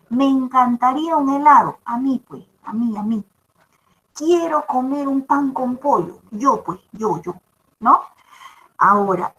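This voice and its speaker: A woman's voice: on the high side, fairly bright tone, low-quality recording. A woman teaches a virtual class. She walks through examples and keeps checking that her students follow. A faint hiss sits under her voice. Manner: explains with examples, often checks with "¿no?" and "¿ya?". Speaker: language teacher.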